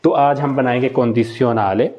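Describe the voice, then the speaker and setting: A man's voice: mid-range voice, fairly even intonation, takes it slowly, lo-fi sound, slight background noise. Man teaching Italian in a live class. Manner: explains step by step, asks and answers his own questions; mixes Hindi-Urdu with English and Italian words. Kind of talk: live online language class.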